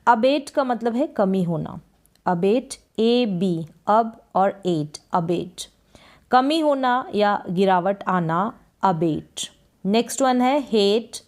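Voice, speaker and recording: A woman teaching a lesson that spells out English words slowly, asking questions and answering them herself. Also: medium pitch, lively intonation, darkish tone. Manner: slow, drawn-out spelling of each word, then repeats the meaning. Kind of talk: spoken Hindi lesson on reading English words.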